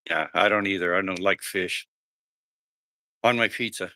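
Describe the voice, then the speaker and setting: A man's voice: low voice, normal speed, pushed and bright, no room sound. A man chatting in an easygoing, friendly way.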